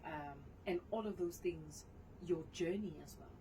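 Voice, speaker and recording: A woman's voice: fairly low pitch, measured pace, mellow. A woman hosting a radio interview in a chatty way, often echoing her guest's words. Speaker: radio show host. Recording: distant mic with background noise.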